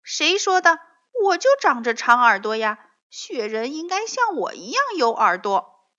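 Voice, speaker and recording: An excitable little rabbit boy in a storybook tale, put on by a woman, his voice pitched high and bright and swooping all over. He exclaims eagerly, heard through a dull lo-fi recording. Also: measured pace. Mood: insistent. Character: excitable young male rabbit.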